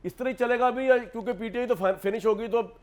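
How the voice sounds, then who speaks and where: A man hosting a political talk show, asking quick probing questions and wrapping up the segment. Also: extremely high pitch, darkish tone.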